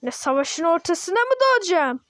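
A woman casually commenting on her own gameplay, chatty and excitable, grumbling and yawning as she plays. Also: very high voice, normal speed, dry recording, studio quality. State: yawning, sleepy. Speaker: gaming video host.

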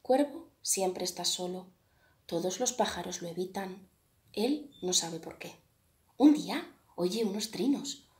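Expressive woman reading a children's story. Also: mid-range voice, unhurried. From Spain. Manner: expressive, lively, dramatic. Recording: echoey room.

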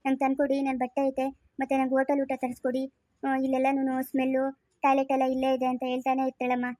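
A woman's voice: sits high, monotone, quick pace, dark tone, dry recording, clean studio sound, close to an everyday voice. A woman playing a firm but kind policewoman who talks sternly and comforts like an elder sister in a family moral drama.

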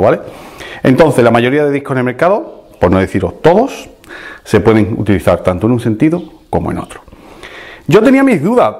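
Animated fast-talking man demonstrating tools. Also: mid-range voice. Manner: animated, chatty, addresses viewers directly with frequent tag questions. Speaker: DIY tool channel host. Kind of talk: casual tool demonstration to camera.

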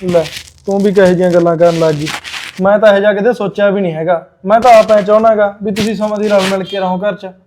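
A young man playing a married son who tries to calm his mother in a short film drama. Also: sits high, fast, a little hiss or hum, lightly acted. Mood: pleading. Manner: pleading, placating.

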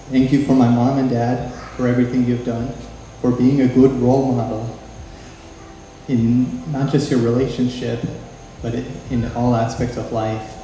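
Groom's toast in an echoey barn. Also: male voice, mid-range voice, warm tone, slight background noise. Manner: earnest, slightly halting thank-yous. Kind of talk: wedding reception toast. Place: open-sided wedding barn with string lights. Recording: echoey barn hall over the PA.

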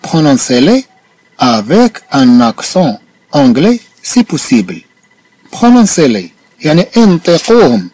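Here a man with a Moroccan accent reads phrases slowly for a language lesson, explains each one and checks understanding. He has a slightly high, darkish voice, and the recording has no echo.

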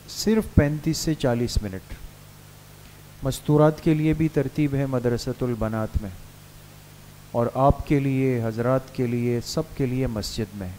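A man preaches to madrasa students in a mosque, mixing gentle exhortation with jokes. His voice is mellow and mid-pitched. A faint hum sits behind the recording. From Pakistan. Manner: jovial, asks students to raise hands, then leads recitations in a low murmur. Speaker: mufti addressing madrasa students. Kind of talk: sermon and guided supplication.

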